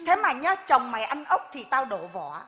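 Woman doing a high, lively, bossy village busybody, scolding loud, echoey stage hall. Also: moderate pace, heavily acted. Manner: scolding, lecturing, loud and exaggerated. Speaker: comic stage actor. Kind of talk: live stage comedy skit. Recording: reverberant live stage hall.

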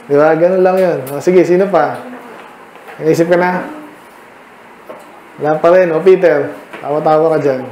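Male Filipino pastor, fairly high voice, conversational teaching style; echoey church room. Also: fairly even intonation, normal speed, pauses often, dark tone, slight background noise. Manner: conversational, quizzing listeners by name. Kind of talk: midweek Bible study sermon.

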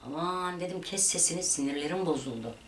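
Low-voiced woman telling a story in a roomy echo. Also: quick pace. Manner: animated retelling of a quarrel, voices rising and dropping. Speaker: vlogger. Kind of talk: casual storytelling. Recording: echoey room, voice from a distance, faint noise.

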